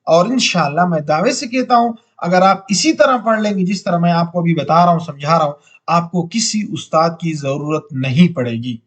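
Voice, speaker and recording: A man with a Pakistani Urdu accent teaching Quran reading, drawing out each letter sound slowly and repeating it for learners. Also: a little high. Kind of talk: slow letter-by-letter recitation lesson.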